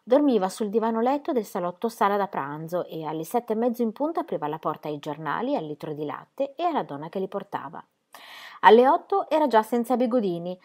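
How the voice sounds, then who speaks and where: A woman reading a novel aloud in a measured, expressive storytelling manner. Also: fairly low pitch. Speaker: reader. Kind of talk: scripted literary reading.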